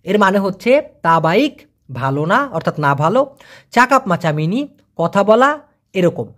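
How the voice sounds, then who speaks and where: A language teacher from Bangladesh giving an online lesson, patiently repeating phrases slowly and encouraging learners along the way. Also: medium pitch, big pitch swings.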